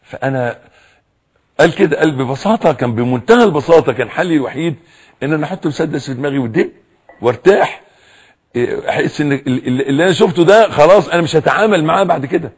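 Husky, lively Egyptian preacher. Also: male voice, on the high side, fast talker. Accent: Egyptian Arabic. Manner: animated, acts out quoted voices and repeats for emphasis. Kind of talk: religious lecture on raising children.

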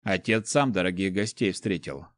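A man narrating a first-person story as an audiobook, in an even, measured way. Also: low voice, dry recording.

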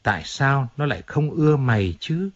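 A cold, commanding old crime boss, as a male narrator reads him, gruff and scornful. The voice has an ordinary male pitch. The audio has a slightly muffled, dull tone. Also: lively intonation, moderate pace, close to an everyday voice. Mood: calm. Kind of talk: audiobook character reading.

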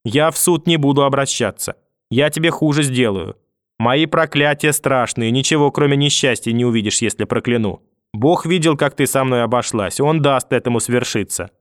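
A man's voice: medium pitch, normal speed, no room sound, clean studio sound, close to an everyday voice. A man reading an audiobook and voicing a furious, vicious old grandmother who scolds, curses and threatens. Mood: threatening.

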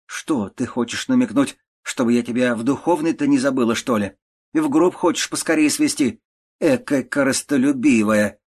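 A man's voice: fairly even intonation, fairly quick, husky, lightly acted. A man voicing a sick, querulous old aunt who scolds and grumbles, in an audiobook reading. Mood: angry scolding. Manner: scolding, grumbling, shrill outbursts.

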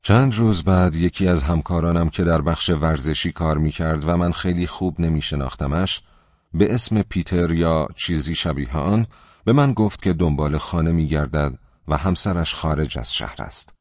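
A man narrating an audiobook in a measured, even storytelling manner. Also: rumbling low, no echo, dull audio.

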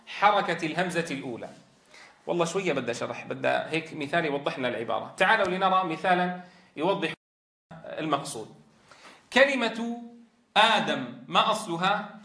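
Man, tajweed teacher, high bright voice, quizzing style, drawn-out example words, echoey room. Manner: asks students questions and answers them himself; drags out example words slowly. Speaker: Quran teacher trainer. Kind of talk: tajweed lesson.

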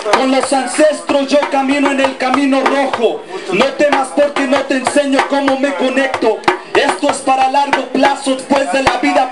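High-voiced Los Angeles rapper over loud music. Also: male voice. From Los Angeles, United States. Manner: rhythmic rapping with crowd call-and-response. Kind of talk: live political rap performance.

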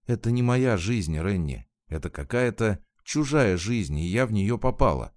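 A man's voice: fairly low pitch, expressive, moderate pace, darkish tone, no echo, studio quality, close to an everyday voice. Man reading a tearful, torn young woman. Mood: pleading.

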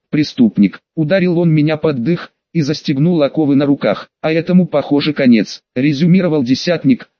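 A man with a fairly high voice narrates a fantasy audiobook in a dramatic reading. The sound is dry and slightly dull, like a close home-studio mic. He drops lower and louder for the characters' lines. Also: no room sound.

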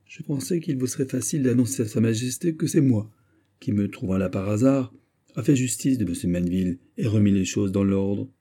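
A man reading aloud voices a musketeer who speaks calmly and deliberately, with quiet mockery. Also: on the low side, slightly rough. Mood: mocking. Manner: calm, deliberate, mocking. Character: cool mocking male musketeer.

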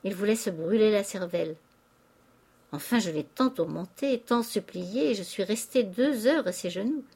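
A woman's voice: mid-range voice, normal speed, a little mellow, slightly rough. A woman reading aloud, voicing a distraught young aristocratic wife making a tearful confession. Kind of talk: audiobook character reading.

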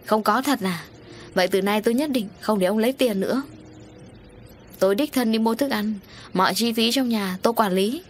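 A woman voicing an angry, wronged middle-aged wife who confronts her unfaithful husband in shrill, accusing words. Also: moderate pace, slight background noise, close to an everyday voice. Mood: indignant.

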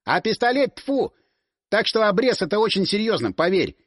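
A man's voice: high voice, big pitch swings, a little fast, dry recording, clean studio sound, voice pushed up. A man voicing a laid-back young man who lectures and teases, in an audiobook. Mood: lecturing.

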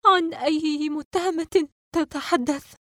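A woman's voice: a little high, lively intonation, fast talker, darkish tone, dry recording, clean studio sound, pitched above the performer's own voice, natural voice. Woman voicing a startled, anxious young woman.

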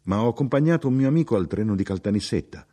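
A man's voice: fairly low pitch, expressive, racing, dark tone, husky, voice pushed up. A man voicing a chatty, contented middle-aged male clerk who is eager and friendly and keeps explaining himself.

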